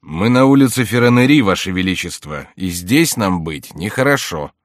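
A man voicing a gruff, grumbling soldier companion with sardonic remarks, in an audiobook reading. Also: low voice, animated, moderate pace, dry recording, clean studio sound. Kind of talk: audiobook character voice.

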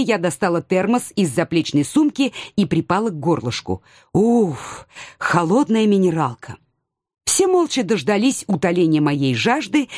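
A woman narrates a first-person story with playful expression. Her pitch moves around a lot as she reads. The recording is dry and close, with no room sound. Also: darkish tone, dry recording. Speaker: audiobook narrator.

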